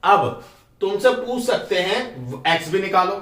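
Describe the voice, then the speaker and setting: High-voiced man teaching math in echoey room. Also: fairly bright tone, recorded from a distance. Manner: explains step by step, quizzing students with quick questions. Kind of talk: classroom math lesson.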